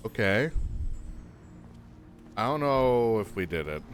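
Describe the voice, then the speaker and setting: A man's voice: fairly low pitch, slight background noise. A young adult man streaming a game, chatting casually and upbeat, laughing easily as he talks to his viewers. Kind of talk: casual live game commentary.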